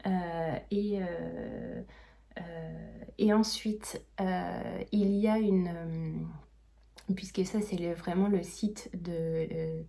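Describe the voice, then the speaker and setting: French woman, knitting vlogger, casual chat, lots of fillers and restarts, low mellow voice. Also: fairly even intonation, extremely slow, vocal fry. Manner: hesitant, many fillers and restarts.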